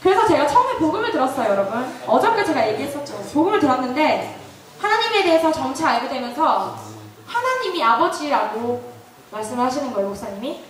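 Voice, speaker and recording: A woman giving a testimony sermon at a church retreat, telling an animated story and putting questions to the audience. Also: sits high, fast talker. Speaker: retreat speaker. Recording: echoey hall, distant mic.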